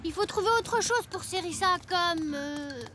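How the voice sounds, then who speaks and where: A woman voicing a carefree, excitable young boy in an animated series, breezy and exclamatory, quick to tease or get exasperated. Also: very high voice, over music. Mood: exasperated, teasing. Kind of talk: animated children's series dialogue.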